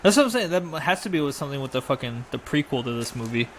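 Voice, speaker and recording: Man, podcast co-host, casual chat, profane, rambling, mid-pitched voice. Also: sing-song, fast, slight background noise. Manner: loose, profane, rambling storytelling.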